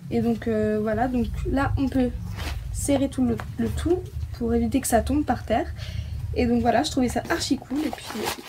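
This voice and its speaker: A woman's voice: a little high, normal speed, dark tone, slight background noise. A woman from France casually unboxing a pet-supply haul, hesitant with many fillers and little giggles. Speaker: pet vlogger.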